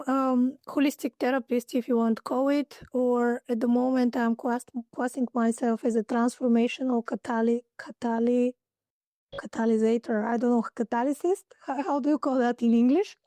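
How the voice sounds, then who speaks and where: Brief: Bulgarian-accented woman, fairly high voice, dry close sound, halting interview answers, searches for English words. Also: mellow, no echo. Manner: hesitant, searching for English words, many fillers. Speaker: guest, holistic therapist.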